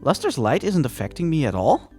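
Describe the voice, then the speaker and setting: A man's voice: on the high side, huge pitch swings, a little fast, a little mellow, faint music behind. A man voicing an earnest, anxious young male detective who gets flustered easily, in an amateur visual novel reading. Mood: urgent.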